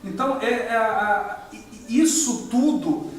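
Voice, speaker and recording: High-voiced Brazilian man, echoey distant room. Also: takes it slowly. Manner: explanatory, frequent rhetorical questions and tag "né?". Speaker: study group leader. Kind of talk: spiritist study lecture. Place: meeting room of a study group.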